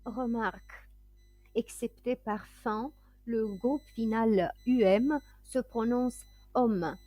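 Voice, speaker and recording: Slow, carefully enunciating woman teacher. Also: on the high side, mellow, dry recording, soft background music. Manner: careful, clearly enunciated dictation. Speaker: French pronunciation teacher. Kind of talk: slow, deliberate word-list reading.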